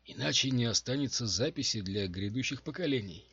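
A man voicing a calm, fussy wizard companion who reasons things out, in a husky voice on a dull home recording. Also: medium pitch, fairly quick, no room sound, pitched above the performer's own voice, full character voice. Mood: reasoning.

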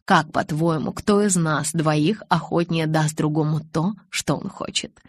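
A woman reading an audiobook, voicing a calm, teasing young male vampire who speaks slowly and softly. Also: slightly rough, dry recording. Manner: slow, low, soft-spoken.

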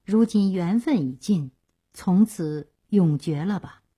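Young female ghost, mournful, soft, mellow, radio story, read by a woman. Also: lowish voice, lively intonation, slow, slightly rough, heavily acted. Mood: sorrowful. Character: young female ghost bidding a sad farewell.

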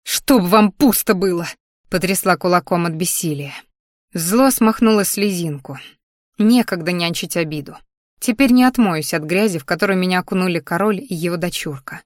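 A woman's voice: fairly low pitch, normal speed, no room sound, clean studio sound. A woman reading a first-person fantasy audiobook expressively and with feeling. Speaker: audiobook narrator.

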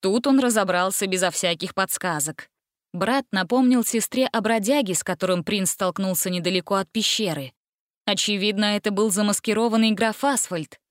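A woman storyteller narrating a children's adventure with a lively, even-paced reading. Her voice sits at an ordinary middle pitch and sounds dry and close, with no room around it. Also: normal speed, dry recording.

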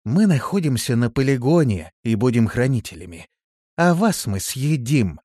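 A male audiobook reader voicing a cruel female demon who speaks in a cold, hissing, deadpan way. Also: medium pitch, moderate pace, no room sound, studio quality, voice pushed up. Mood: icy. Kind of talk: audiobook character voice.

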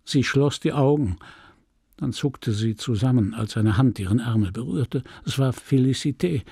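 A man reading a classic novel aloud as an audiobook, with dramatic, measured storytelling on a close studio mic. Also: medium pitch, vocal fry, mellow, breathy edge, no room sound. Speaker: audiobook reader. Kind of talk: literary audiobook narration.

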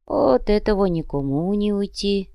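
Женщина озвучивает сурового умирающего старца-монаха. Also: female voice, medium pitch, very animated, creaky, warm tone, clear, resonant tone, no room sound, studio quality, pitched above the performer's own voice. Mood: stern. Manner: slow, weighty, curt speech. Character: dying old male monk, stern and defiant. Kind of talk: audiobook character reading.

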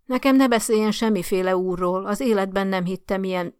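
A woman's voice: medium pitch, a little mellow, clear, resonant tone, no echo, clean studio sound, lightly acted. A woman voicing a dying, indignant ninety-four-year-old woman who gasps for breath and scolds and demands in a raised, short-winded voice. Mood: indignant, demanding. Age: older.

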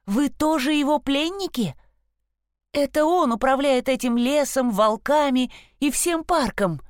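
Woman doing an excited high young girl. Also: unhurried, no room sound, clean studio sound. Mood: urgent.

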